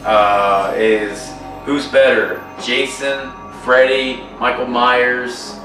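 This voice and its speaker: A young man co-hosts a podcast, rambling casually about horror films with tons of fillers and swearing, in a flat, mid-range voice at an extremely slow pace. He's recorded far from the mic in an echoey room, with faint music behind him.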